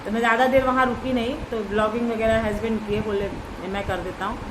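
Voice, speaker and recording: A woman's voice: fairly high pitch, flat delivery, fast talker, background noise. Chatty woman vlogging, unwell and dizzy. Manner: chatty, repetitive, down-to-earth. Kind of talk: casual vlog chat. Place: indoor room at home.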